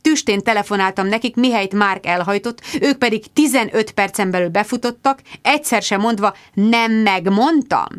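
A woman narrating a first-person audiobook in a lively, expressive way, close to the mic. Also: mid-range voice, hardly any pauses, no room sound.

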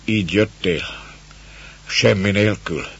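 A man's voice: lowish voice, creaky, husky, full character voice. A man voicing a resigned older peasant woman who sighs as she speaks, in a dull, lo-fi recording with a faint hum. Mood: weary. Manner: sighing, resigned.

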